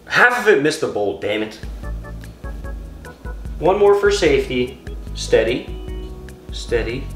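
Young guy cooking on camera, jokey and cursing, bouncy pitch, roomy kitchen w music under it. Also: sing-song, slow pace, a bit bright. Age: young adult. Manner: joking, swearing, talks to viewers. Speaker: vlogger. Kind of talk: casual cooking vlog. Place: home kitchen, indoors. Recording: echoey kitchen with background music.

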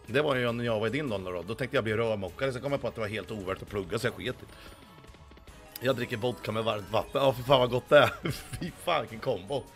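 A hoarse man livestreaming, reading the chat and talking in a crude, boastful, swearing banter. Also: mid-range voice, soft background music.

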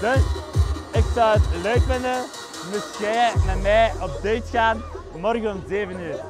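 A man's voice: high voice, fairly even intonation, a little slow. A young man chatting casually and joking as a reality show contestant at a ski resort. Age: young adult. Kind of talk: casual chat. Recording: loud music and crowd behind.

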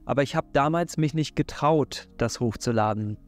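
A faith and self-help YouTuber in his thirties, from Hamburg and carrying that city's German accent, speaks straight to camera from his living room. His talk is earnest and encouraging, delivered at moderate pace and medium pitch into a desk mic in front of him, with faint music underneath.

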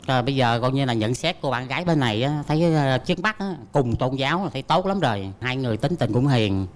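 An older man speaking haltingly with many fillers, a contestant's relative on a dating show. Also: medium pitch, lively intonation.

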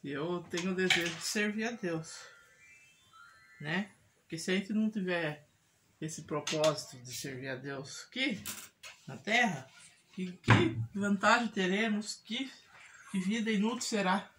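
An unhurried, lowish-voiced middle-aged Brazilian woman, a mother who vlogs at home, pauses often as she chats through her chores. She rambles repetitively and often checks in with the listener via a tag, in a small indoor room with clear household noise and handling clicks.

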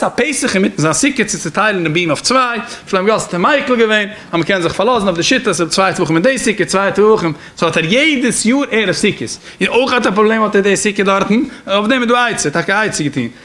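A rabbi with a Yiddish accent delivers a Torah lecture in a talmudic singsong, his pitch swinging suddenly. His tone is fairly bright.

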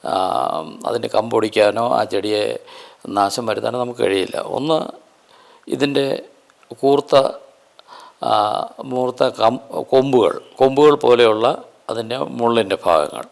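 In an unscripted explanation about nature, a man speaks in deliberate, halting phrases and stresses words emphatically. His voice is medium-pitched with a creaky quality.

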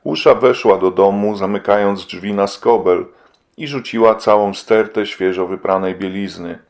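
A man narrating a book in a calm, measured way. His voice sits a bit low and stays steady through long passages. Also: dull audio. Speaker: audiobook narrator. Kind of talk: scripted narration.

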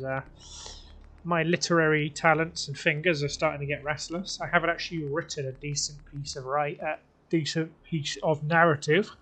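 A man's voice: on the high side, fairly bright tone. A young man from the UK giving casual, chatty commentary as he plays, talking himself through each choice. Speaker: let's play host.

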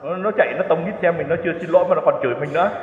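Older male priest, a bit high-voiced, chatty storyteller, tinny phone-like sound. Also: rapid-fire, a little hiss or hum. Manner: chatty storytelling, chuckling at his own stories. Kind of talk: retreat sermon with personal anecdotes. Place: large church. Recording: echoey church hall, tinny lo-fi sound.

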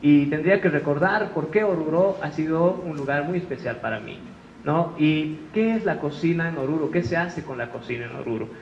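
A man's voice: a little high, fairly quick, vocal fry, darkish tone. A man with a Bolivian Spanish accent gives a conference talk as a chef, telling stories in a chatty way and checking in with his listeners again and again. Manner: chatty storytelling, tag questions. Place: conference room. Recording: roomy hall, muffled sound, faint noise.

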